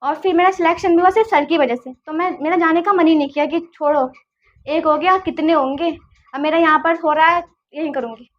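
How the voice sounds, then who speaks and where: A young woman, a junior civil engineer, telling her story earnestly and haltingly in a casual interview. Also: very high-pitched, lo-fi sound.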